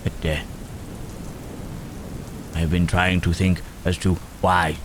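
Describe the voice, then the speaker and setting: Playing a brooding, protective monster in an ASMR roleplay, a man talks very low and slowly, with halting, flat delivery and formal, old-fashioned, gentle, thoughtful wording. He comes across brooding and puzzled. Rain and thunder are clearly heard, with slight background noise.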